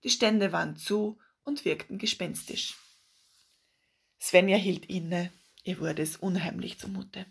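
A woman narrating a children's story in a calm, expressive storybook manner. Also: fairly low pitch, unhurried, creaky, slightly rough.

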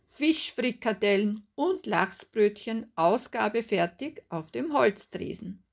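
A woman narrating a story in a calm, even read-aloud manner. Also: medium pitch.

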